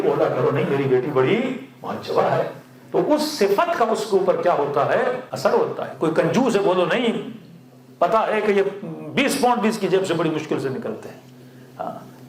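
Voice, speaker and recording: A male cleric giving a sermon full of stories. He asks the audience questions, answers them himself, and chuckles now and then. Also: on the high side. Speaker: Shia cleric. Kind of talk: sermon with storytelling. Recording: echoey hall.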